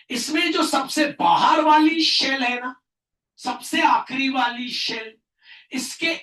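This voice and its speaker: Tutor with a bright, echoey, distant voice. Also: male voice, very high voice. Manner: asks questions and answers them himself, loud bursts of emphasis; mixes English science terms into Hindi. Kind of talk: classroom chemistry lesson. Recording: echoey room, mic at a distance.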